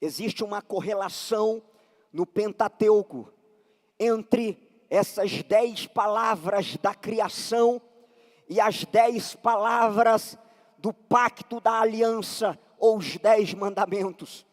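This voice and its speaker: A man with a Brazilian Portuguese accent preaching a sermon while fighting a slight cold, building with passion toward shouted lines. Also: sits high, slow pace. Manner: impassioned preaching, rising to shouts. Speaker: pastor. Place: large church hall. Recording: long echo of a church hall.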